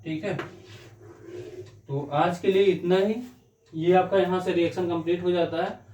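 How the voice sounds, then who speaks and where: A man's voice: high voice, fairly even intonation, moderate pace, warm tone, distant mic, highs cut off. Male teacher, step-by-step lecture, echoey room, faint hum behind. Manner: talking through reactions step by step, asking himself questions. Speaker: chemistry teacher. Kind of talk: classroom lecture on organic chemistry.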